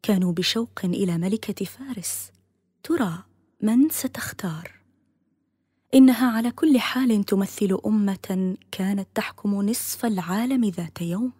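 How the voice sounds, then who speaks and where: A woman narrating a dramatic story in a soft, half-whispered delivery. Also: medium pitch, moderate pace, breathy edge, no room sound, clean studio sound.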